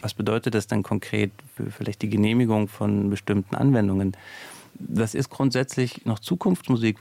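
A man's voice: fairly low pitch, gravelly, a little mellow, no room sound. A male sociologist explaining in a radio interview, thinking aloud with fillers as he goes. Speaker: sociologist guest.

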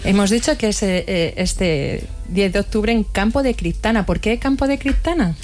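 A woman's voice: medium pitch, moderate pace, darkish tone, faint music behind. A woman hosting a radio interview, asking questions with hesitant restarts and frequent backchannel sounds. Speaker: radio host.

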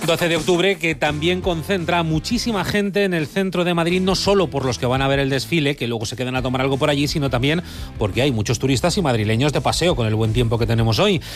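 Guy anchoring the news, steady and informative. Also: fairly high pitch, fast talker, faint music behind. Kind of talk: read news presentation.

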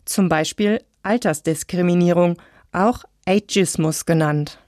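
A woman reading a calm, scripted science radio feature. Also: lowish voice, a little slow, no room sound, studio quality. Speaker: radio narrator.

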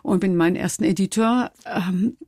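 A woman's voice: mid-range voice, moderate pace, darkish tone, no room sound, clean studio sound. A woman, a documentary filmmaker, telling how she started out and often restarting her sentences. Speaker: documentary filmmaker, interview guest. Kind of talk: relaxed interview talk.

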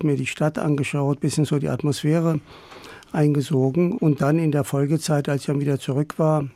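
An older novelist from Iran, answering interview questions in a radio studio in a relaxed, hesitant way. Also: male voice, on the high side, creaky, no echo. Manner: relaxed, thoughtful, with many hesitations. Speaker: novelist guest. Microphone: studio microphone.

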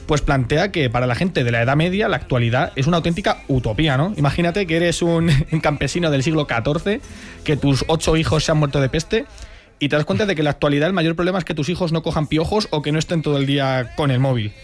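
A man's voice: fairly high pitch, fast talker. A man presenting a radio segment in a studio, enthusiastic and jokey, often adding tag questions. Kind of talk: chatty radio talk segment. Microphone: studio microphone.

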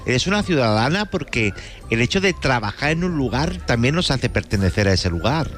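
A man's voice: mid-range voice, very animated, brisk, a bit bright, faint music behind. A man co-hosting a live radio talk show, questioning a caller with curious enthusiasm. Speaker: radio co-host.

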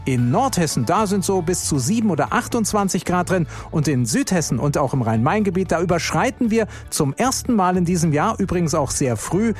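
A man giving the radio weather forecast in a lively, chatty way. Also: high voice, brisk, faint music behind. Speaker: weather presenter.

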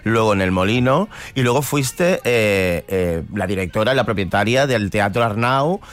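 A man hosting a casual radio interview, asking relaxed, jokey questions. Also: on the low side, normal speed. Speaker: radio host.

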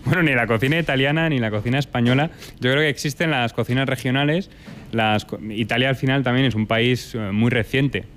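This young Spanish man is a chef answering questions about his cooking. He talks in a thoughtful, meandering way, full of fillers and restarts, at a middling pitch. A faint background noise sits under the recording. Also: a little fast, fairly bright tone. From Spain. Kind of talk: relaxed interview answers.

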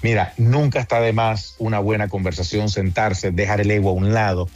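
A man's voice: on the low side, fairly even intonation, fairly quick, darkish tone, highs cut off. A man, a TV producer, talking earnestly in a casual interview. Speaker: TV producer and guest.

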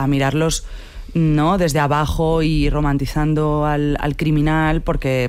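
A director answers interview questions thoughtfully, hesitating often with many "em"s and restarts. His voice is fairly high-pitched, a little mellow, and clean in tone.

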